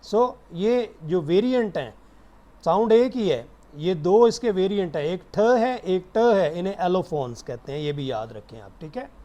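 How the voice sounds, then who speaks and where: High-voiced male phonetics lecturer. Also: sing-song, moderate pace, dark tone, highs cut off. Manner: switches between English and Hindi-Urdu, drilling pronunciations; many "uh" hesitations when starting. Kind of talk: online lecture.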